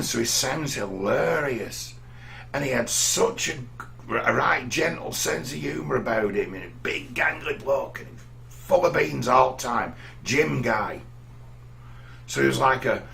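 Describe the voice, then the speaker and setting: Here a middle-aged vlogger from England meanders through personal anecdotes, casually and with frequent restarts mid-sentence. His mid-range voice is creaky with a fairly bright quality, and there's a slight hiss or hum in the recording.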